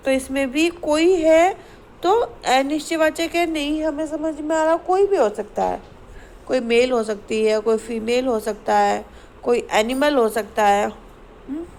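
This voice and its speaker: A woman teacher walks her pupils through a grammar exercise, asking questions and reading each example sentence slowly. Her voice sits high, and a faint background noise runs under the recording. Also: darkish tone, poor audio. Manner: explains patiently, asks the class questions, reads sentences slowly. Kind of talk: Hindi grammar lesson to schoolchildren.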